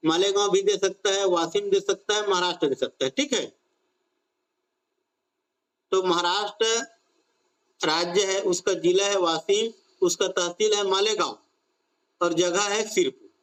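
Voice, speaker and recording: Male exam-prep tutor, high voice, slow deliberate delivery, keeps quizzing the class and repeating answers. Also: steady tone, fairly bright tone. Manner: drills students with repeated questions and "theek hai"; slow, stretched key phrases. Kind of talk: online current-affairs class.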